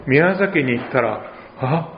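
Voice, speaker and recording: A male pastor with an Oita accent preaches a sermon in a conversational way, with dialect asides and gentle humor. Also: mid-range voice, animated, slow, reverberant, big-room sound, muffled recording, slight background noise. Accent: Oita Japanese.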